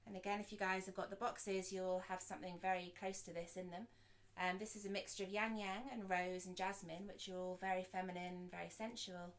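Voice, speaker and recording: Female meditation guide, slightly low pitch, soft slow delivery with pauses. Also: little pitch movement. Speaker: sound healer and meditation guide.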